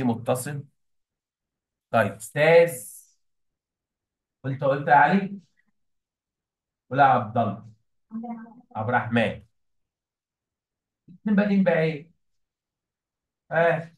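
A man's voice: fairly high pitch, a bit bright. Egyptian teacher quizzing his class. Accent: Egyptian Arabic. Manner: quizzes the class with prompting questions. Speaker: English teacher. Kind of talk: classroom English lesson. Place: classroom with students. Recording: echoey room, mic at a distance.

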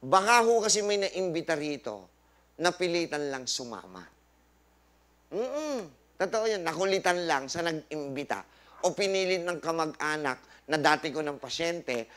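At a health forum, a doctor with a high, bright-toned voice lectures a live audience in the manner of a preacher, firing off rhetorical questions, quoting scripture and tossing in jokey asides. He mixes English phrases into his Tagalog. His delivery is very animated at a moderate pace.

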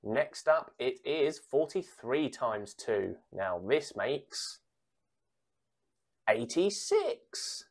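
A woman calling numbers like a bingo caller for children, reading out sums, pausing before each answer and repeating digits. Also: very deep voice, very animated, a little mellow. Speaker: bingo caller for a children's times tables game.

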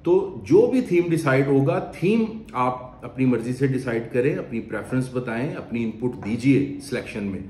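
Seated at his office desk, a man in his forties who owns a renovation company talks directly to camera, earnestly and conversationally explaining renovation advice in a Pakistani Urdu accent. His medium-pitched, darkish voice is expressive and moves at a normal speed with hardly any pauses, recorded in an echoey room with faint ambience and a little hiss or hum.

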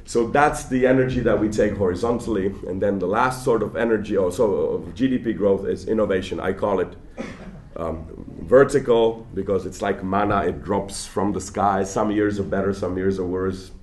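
A guest lecturer gives a public lecture in a large hall, speaking loosely and conversationally at a normal speed. His voice is a little low and a little mellow, and he often stammers and restarts sentences. The room adds a noticeable echo.

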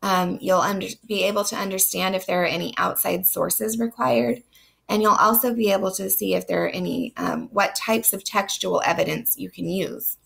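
A woman's voice: mid-range voice, fairly even intonation, normal speed, fairly bright tone. A woman teaching literature in a recorded online lecture. She is sick and losing her voice, so it sounds strained, and she explains steadily with frequent ums. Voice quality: gravelly, strained voice. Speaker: literature instructor.

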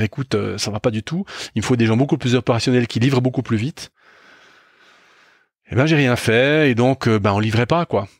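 A middle-aged man hosts a podcast and tells a reflective story about his own failings. His voice is gravelly, and he speaks in an even middle register. The sound is dry and close, and he often pauses to restart his sentences. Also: medium pitch, dry recording. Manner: candid and self-critical, with frequent hesitations and restarts. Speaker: podcast host.

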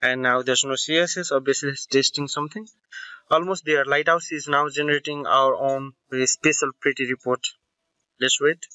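Bright-voiced man narrating a tech tutorial. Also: medium pitch, fairly even intonation, moderate pace, no echo, dull audio. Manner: explanatory, with fillers and self-corrections. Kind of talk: screen-recording tutorial voice-over.

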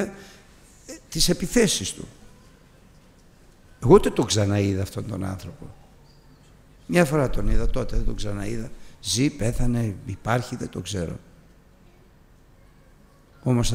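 A man preaching a sermon in a church, telling a personal story as a lively storyteller and putting questions to the congregation. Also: on the low side. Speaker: pastor. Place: church hall. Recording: long reverb of a church hall.

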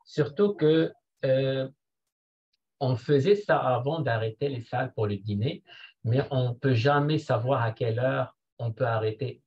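Man working slowly through figures on a muffled line. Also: medium pitch, a little mellow. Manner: slow and deliberate, working through figures with hesitations. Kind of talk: seminar presentation.

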